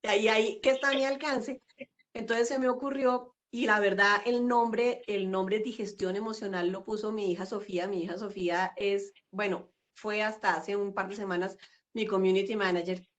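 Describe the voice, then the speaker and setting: The voice belongs to a middle-aged woman with a mid-range, steady tone and moderate pace. Appearing as a guest over video call, she reflects warmly in a casual interview, dropping in frequent fillers and laughs.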